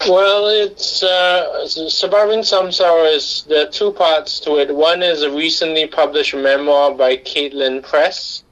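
A man's voice: on the high side, fairly even intonation, unhurried, few pauses, a bit bright, lo-fi sound. A middle-aged man from Singapore, a director and writer, giving long, earnest answers with frequent restarts in a radio interview. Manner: earnest, talks at length with many restarts.

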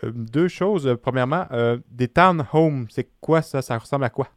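A man's voice: mid-range voice, brisk, no room sound, studio quality. A man, working as an interviewer, introducing a topic and putting questions to a guest. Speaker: radio interviewer.

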